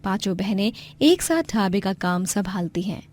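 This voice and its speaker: A woman with a mid-range, slightly mellow voice reads scripted narration for a moral story. She speaks at a normal speed with lively intonation.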